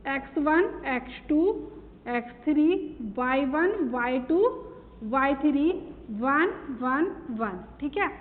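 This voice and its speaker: A woman maths teacher working through problems step by step, asking questions and answering them herself. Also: high voice. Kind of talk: classroom lesson. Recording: tinny phone-like sound with long reverb.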